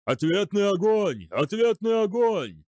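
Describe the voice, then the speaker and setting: A man's voice: high voice, sing-song, a little slow, darkish tone, no room sound, voice pushed up. A man voicing a desperate male general who screams commands at his troops. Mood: screaming.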